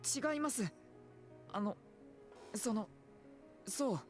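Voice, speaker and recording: A woman playing a shy, flustered castle cleaner in an audio drama, hurried and stammering. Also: a little high, faint music behind, close to an everyday voice.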